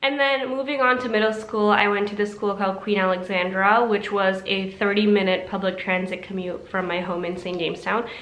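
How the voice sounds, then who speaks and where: A woman's voice: mid-range voice, little pitch movement, brisk, hardly any pauses, a bit bright, echoey room, poor audio. A young woman from Toronto, talking casually to camera in a chatty way, full of asides. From Pakistan-born, raised in Toronto. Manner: chatty, lots of likes and asides. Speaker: vlogger.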